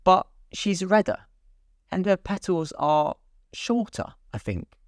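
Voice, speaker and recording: A man's voice: high voice, big pitch swings, slow pace, no echo, studio quality, pitched above the performer's own voice, heavily acted. A man voicing a proud, critical female rose in a storybook reading. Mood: haughty. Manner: haughty, critical.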